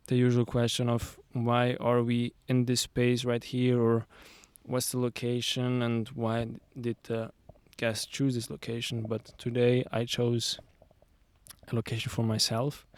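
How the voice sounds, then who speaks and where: A man in his twenties from Zurich, Switzerland, hosts a casual solo podcast episode outdoors on a sunny hill, sweaty in the heat. He rambles in a relaxed way, full of fillers and restarts, with a medium-pitched voice and no room sound.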